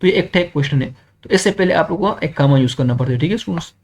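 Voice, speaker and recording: Animated and fairly high-pitched, this young man leads an exam-prep grammar class, frequently checking in with students and reading English examples at a slow pace.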